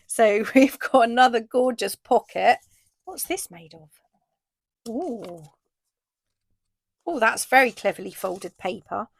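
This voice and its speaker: With a creaky, mid-range voice and no room sound, a British woman who owns a craft shop does a relaxed video update and unboxing. Enthusiastic and talkative, she says her voice is going, fills her speech with "ooh"s and filler words, and gets excited over each thing she opens.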